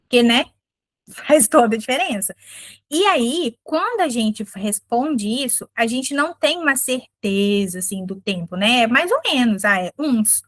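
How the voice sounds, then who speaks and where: A Brazilian Portuguese-accented woman patiently teaches English, pronouncing example phrases slowly and clearly. Her voice is on the high side, a bit bright, with lively intonation, and the recording has no room sound.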